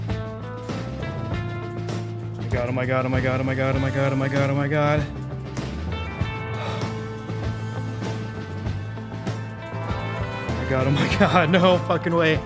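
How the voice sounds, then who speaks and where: A man's voice: medium pitch, flat delivery, normal speed, long pauses, loud music behind the voice. A man reacting live to a video game, frantic and disbelieving, blurting and repeating himself in a panic. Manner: frantic, disbelieving shouting and repetition. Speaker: gaming YouTuber.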